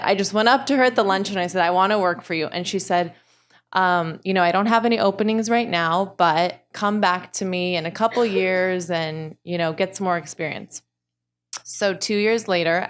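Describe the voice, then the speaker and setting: A woman's voice: lowish voice, clear, resonant tone. A young adult woman speaking as a panelist, telling her story casually and quoting her own words. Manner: storytelling, casual, quotes herself. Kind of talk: panel discussion.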